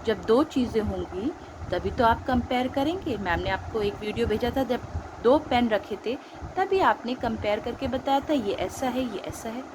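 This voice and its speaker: A woman's voice: a little high, moderate pace, noisy background. A woman teacher with an Indian accent patiently explaining grammar, mixing Hindi and English and quizzing her pupils with questions. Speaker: school teacher. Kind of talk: recorded online grammar lesson.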